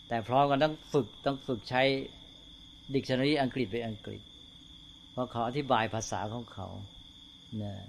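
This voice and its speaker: Addressing fellow monks, an older Buddhist monk delivers an unhurried, slow talk and often adds tag questions to check in. He speaks at medium pitch, and a little hiss or hum runs under the recording.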